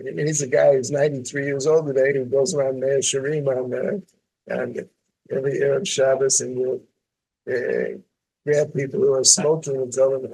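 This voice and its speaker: A man's voice: medium pitch, gravelly, darkish tone, slightly rough, rough recording. An older man, a columnist talking reflectively in an interview with many restarts and fillers. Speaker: guest columnist. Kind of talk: casual interview talk.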